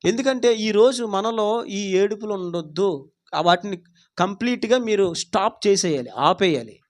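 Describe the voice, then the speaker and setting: Very high-voiced fervent male preacher. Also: animated, normal speed. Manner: fervent preaching with rhetorical questions to the congregation; acts out quoted pleas dramatically. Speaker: pastor. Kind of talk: Sunday worship sermon. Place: church service.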